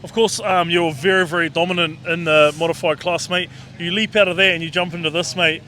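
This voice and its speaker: A man's voice: on the high side, fairly even intonation, fairly quick, sharp tone. A man with a New Zealand accent doing a casual, matey sports interview full of slang. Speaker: trackside interviewer. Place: outdoors at a speedway. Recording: outdoor trackside with vehicle noise.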